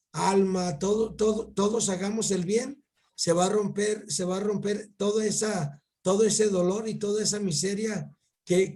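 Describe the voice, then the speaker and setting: A man with a Mexican accent giving a religion lesson to a child, halting and repeating his words as he keeps calling the pupil by name. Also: sits high, warm tone. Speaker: catechist teaching a child.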